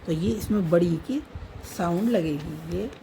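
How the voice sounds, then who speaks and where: A woman teaching how to write words in a script, spelling out each letter slowly and repeating the words as she goes. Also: on the low side, background noise. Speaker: language teacher. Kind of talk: slow step-by-step writing lesson.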